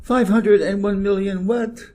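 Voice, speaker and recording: A man's voice: sits high, fairly even intonation, measured pace, dark tone, voice pushed up. A man voicing a curious, persistent young boy prince in a storybook, innocent and full of questions. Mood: curious, insistent. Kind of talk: storybook character reading.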